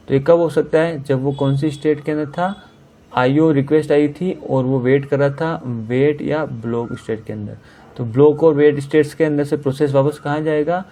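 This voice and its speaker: A man giving an online exam-prep lesson, asking questions and answering them himself, reading English items out slowly. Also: mid-range voice, dark tone. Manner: explains step by step, asks and answers own questions; reads English questions slowly, explains in Hindi. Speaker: teacher.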